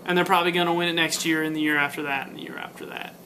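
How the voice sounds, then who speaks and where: A woman's voice: sits low, fairly even intonation, racing, pushed and bright. Give me a playful, teasing woman vlogging amid background noise. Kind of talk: casual vlog chat. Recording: noisy ambient background.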